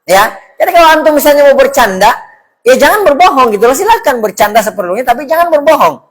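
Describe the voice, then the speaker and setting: Man, preacher, casual sermon, husky voice, conversational, Arabic recitation. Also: very high voice, sing-song, fast, a bit bright, poor audio. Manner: conversational, mixes in Arabic recitation, asks audience questions. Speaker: Islamic preacher.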